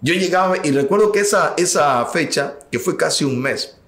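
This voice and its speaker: A man recounts his testimony as an evangelist. His voice sits a little high and turns emotional, at times pushing almost to a shout. The sound is roomy and echoey. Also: animated, moderate pace. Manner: emotional, rising to near shouts. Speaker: evangelist guest. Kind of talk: testimony storytelling.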